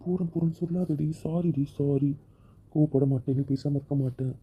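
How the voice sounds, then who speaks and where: A man voicing the husband in an amateur romantic audio drama, often pleading softly. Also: a little high, fairly even intonation, a little fast, slightly rough. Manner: pleading, soft-spoken apologies. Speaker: audio drama narrator and lead voice. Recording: tinny phone-like audio.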